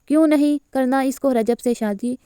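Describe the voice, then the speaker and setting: Woman reader doing a cranky old grandma in an audio novel, scolding, smooth mellow tone. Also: high voice, no echo, clean studio sound, natural voice. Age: older. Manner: scolding, blunt. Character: stern old grandmother, quick-tempered and blunt.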